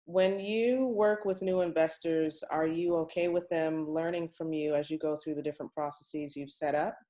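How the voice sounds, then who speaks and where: Hosting a real estate Q&A, a woman speaks at normal speed in a low, mellow voice with a steady tone. Her style is chatty, casual and encouraging, and her phrasing is folksy and informal.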